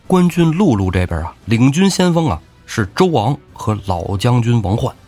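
A man telling a classic tale as the show's host, with lively, jokey asides to the listener. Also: mid-range voice, normal speed, faint music behind. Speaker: storyteller host. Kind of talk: humorous storytelling of a classic novel.

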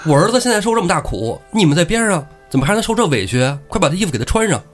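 A man's voice: high-pitched, sing-song, rapid-fire, faint music behind, pitched above the performer's own voice. A man voicing a fierce, protective old mother who scolds shrilly, in a told story. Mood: scolding. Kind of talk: storytelling with character voices.

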